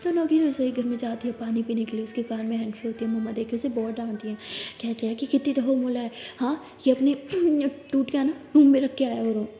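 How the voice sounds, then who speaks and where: A woman's voice: a little high, brisk, echoey room, in a large hall, highs cut off. A woman telling a love story in a casual, chatty narration. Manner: chatty, conversational.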